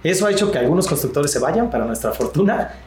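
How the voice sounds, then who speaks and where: A man's voice: on the high side, expressive, fast, darkish tone, reverberant, slight background noise. A man, a real estate sales executive, answering interview questions thoughtfully with many fillers and restarts.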